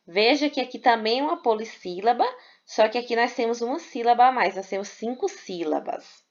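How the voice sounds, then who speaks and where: A woman's voice: on the high side, lively intonation, brisk. A woman teaching a grammar lesson, patiently spelling out syllables and checking in with "né?". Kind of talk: explanatory lesson. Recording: dull lo-fi recording.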